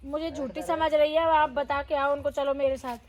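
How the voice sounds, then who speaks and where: A woman plays a poor, humble maid with a high voice. She pleads with her employer and keeps insisting she is innocent, in a homemade family skit. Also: steady tone, normal speed, lightly acted. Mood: firm. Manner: pleading, tearful. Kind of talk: amateur Hindi family skit.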